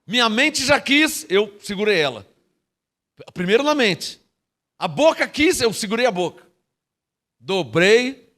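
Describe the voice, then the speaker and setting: A man's voice: sits high, very animated, measured pace, pauses often, bright, forceful tone. A man with a Brazilian Portuguese accent preaching a sermon as pastor, emphatic and calling on the congregation to answer him. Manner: emphatic, calls on the congregation for responses.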